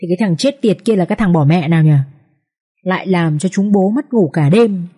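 A woman reading an audiobook voices rough village patrolmen who shout and curse gruffly. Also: lowish voice, a little fast. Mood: cursing.

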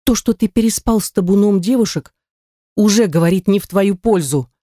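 A woman's voice: medium pitch, normal speed, mellow, no echo, close to an everyday voice. Reader doing a tearful young woman, frightened yet defiant, dry close audiobook sound. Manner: pleading, sobbing protests. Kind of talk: audiobook character voice.

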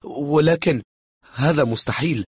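A man voicing a nervous, sweaty German man who stammers in fright, his voice pitched up. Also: measured pace, slightly rough, no room sound, clean studio sound. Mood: panicked stammer. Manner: stammering, panicky.

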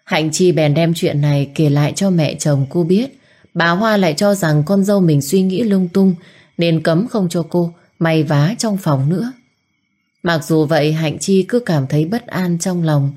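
A woman narrating a dramatic life story in a calm, measured way. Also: lowish voice.

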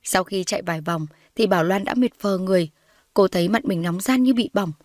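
A woman's voice: medium pitch, a little fast, dry recording. Woman narrating a story, dry close sound. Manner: reads all the characters' lines in her own voice, rising when characters shout. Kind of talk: scripted narration with voiced dialogue.

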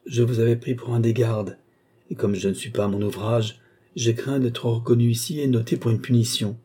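A man reading the part of a timid, distrustful young gardener who answers in a halting, wary way. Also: medium pitch, steady tone, mellow, breathy edge, lightly acted. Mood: wary trembling.

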